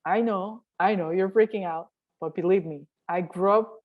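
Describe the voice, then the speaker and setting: Speaking at an ordinary pace in a mid-range voice, this Korean health and cooking vlogger comes through narrow, tinny audio. Her cooking tutorial is chatty and encouraging, sprinkled with frequent rhetorical "right?" questions.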